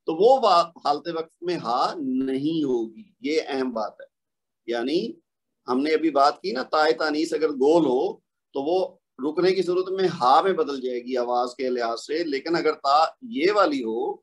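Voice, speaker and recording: A man teaching a recorded online lesson, explaining patiently step by step, asking the learner questions and slowing down to draw out example words. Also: fairly high pitch. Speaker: Quran recitation teacher.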